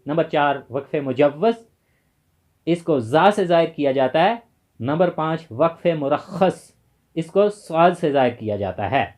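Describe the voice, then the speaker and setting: A man's voice: on the high side, animated, darkish tone. A man giving an exam-prep tajweed lesson, listing rules by number and defining each term with care. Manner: methodical, lists points by number and defines terms. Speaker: tajweed teacher.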